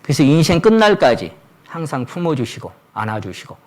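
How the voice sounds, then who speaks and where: A man's voice: sing-song, fairly quick, darkish tone. A middle-aged man preaching a Sunday sermon as pastor, reading scripture aloud and asking the congregation questions, his voice jumping up on stressed phrases. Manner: emphatic, pitch rises sharply on stressed phrases.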